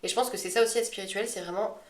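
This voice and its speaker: A woman's voice: medium pitch, steady tone, racing. A woman co-hosting a podcast, talking in a casual, conversational way about herself and her views. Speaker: astrology podcast co-host. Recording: echoey room.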